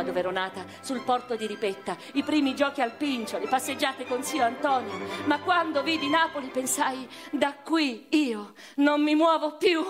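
An actress voices a passionate, literary noblewoman of the eighteenth century, recounting her life in a radio-theatre monologue that is expressive and reflective. Her voice is high-pitched and her mood lively yet nostalgic, with music playing behind her.

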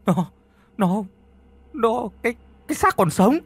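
A man voicing a terrified young male grave robber who stammers in a shrill, high voice. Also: lively intonation, measured pace, slightly rough, exaggerated voice.

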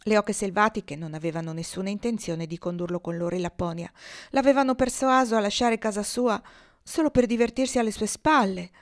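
A woman reading a classic children's novel aloud, with lively, expressive narration. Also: medium pitch, fairly quick. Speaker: audiobook reader.

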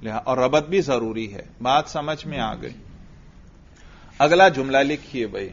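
A man's voice: mid-range voice, a little hiss or hum. A man teaching grammar in a classroom, quizzing and patiently praising a student. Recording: dull lo-fi recording.

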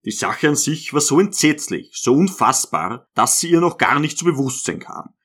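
A man narrating a literary audiobook in a measured, even manner. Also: fairly high pitch, husky.

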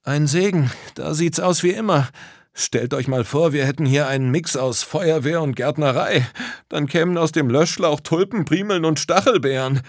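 A man's voice: on the high side, moderate pace, no room sound, clean studio sound, pitched above the performer's own voice. A man voicing a cheerful, joking young boy in a children's audio story. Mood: playful. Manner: lively, playful.

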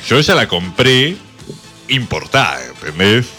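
A man's voice: mid-range voice, big pitch swings, measured pace, sharp tone, soft background music. A man playing a cocky, evasive wheeler-dealer in improvised radio comedy, with an affected, posh Buenos Aires accent. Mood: smug boasting. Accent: Argentine, posh Buenos Aires. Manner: posh, affected "cheto" way of talking. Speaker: comic character on a radio show.

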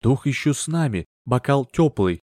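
A man voicing a composed young aristocratic woman who speaks calmly and politely. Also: normal speed, no echo, clean studio sound, close to an everyday voice. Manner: calm, polite, low-key.

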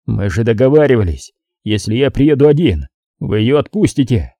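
A man as a grim, enraged man in an audiobook, growling clipped words in a very dark, husky voice. The sound is dry and close. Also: mid-range voice, big pitch swings, normal speed, no room sound. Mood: furious. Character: grim enraged man, desperate father figure. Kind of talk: audiobook character voice.

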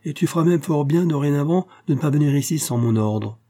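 A man's voice: on the high side, animated, fairly quick, warm tone, pitched above the performer's own voice. A man voicing a sick, bitter young marquis who snaps curt commands in an audiobook reading. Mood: angry.

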